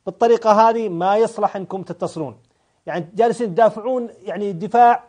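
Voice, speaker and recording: A male call-in host with a high voice speaks fast and presses callers hard. He repeats their names to cut in and fires off pointed questions. His delivery stays rapid and insistent. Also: a little mellow. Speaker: talk show host. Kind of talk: live call-in debate.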